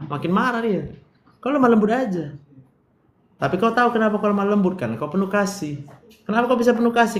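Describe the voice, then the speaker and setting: Male medical lecturer, brash and joking, constant quizzing; roomy classroom echo. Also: sits high. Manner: quizzing students, joking, brash direct address. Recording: roomy echo, faint room noise.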